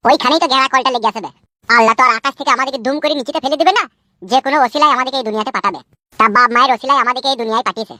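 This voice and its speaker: A woman's voice: high voice, very fast, bright, forceful tone, no room sound, studio quality. A woman voicing an uneducated young man who earnestly rambles about the meaning of life in a comedy cartoon.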